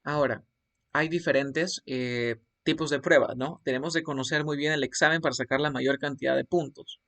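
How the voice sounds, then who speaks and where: A man's voice: medium pitch, fairly even intonation, normal speed, fairly bright tone. A man whose first language is Spanish, teaching an online English test-prep class over screen share, explaining step by step and often checking in with the student.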